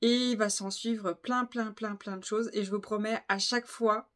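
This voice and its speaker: A woman's voice: medium pitch, steady tone, normal speed, a bit bright. A woman vlogger chatting casually about books she has read, enthusiastic and full of fillers and repeats. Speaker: book vlogger. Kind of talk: casual book review chat.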